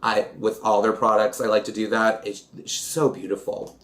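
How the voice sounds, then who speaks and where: A man's voice: fairly low pitch, flat delivery, normal speed, fairly bright tone. A man chatting in a campy, dramatic way while recapping an old film and doing his makeup, with giggly asides. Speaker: vlogger.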